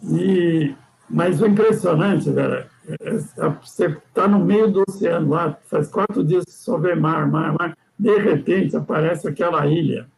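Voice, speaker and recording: An older Brazilian guest sailor chats casually about his time at sea, rambling, restarting often, and ending sentences with "né?". His fairly high voice has a darkish tone and vocal fry, and he speaks at a measured pace on a low-quality recording.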